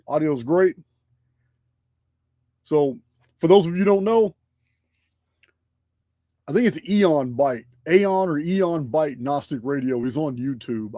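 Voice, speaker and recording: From his home studio, a podcast host with a fairly high, warm voice runs a casual live online show. His talk rambles, and he keeps repeating and restarting sentences. The studio-quality recording has no room sound.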